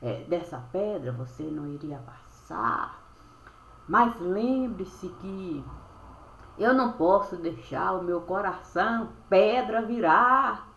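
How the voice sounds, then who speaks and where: A woman telling a spiritual story as a monologue, in rhyming, sing-song phrases that end on drawn-out verbs, recorded on a webcam. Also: on the low side, expressive, a bit bright. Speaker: storyteller recounting a spiritual experience. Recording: echoey room.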